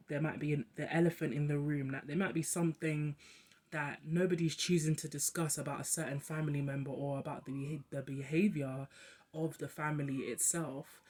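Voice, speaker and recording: Young adult host, casual monologue; quick and talkative, restarts often. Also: mid-range voice, a little mellow.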